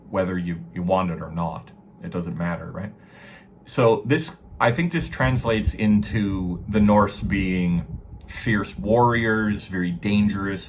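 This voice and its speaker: A man giving an informal explanatory lecture, talking haltingly with self-corrections and stressing key words. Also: deep voice, slight background noise. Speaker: lecturer on Norse mythology. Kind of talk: informal explanatory lecture with read-aloud verse.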